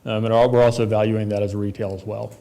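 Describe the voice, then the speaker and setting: A man's voice: on the low side, flat delivery, fast, gravelly, warm tone. A man presenting as a developer at a town council meeting, talking casually with many fillers and restarts.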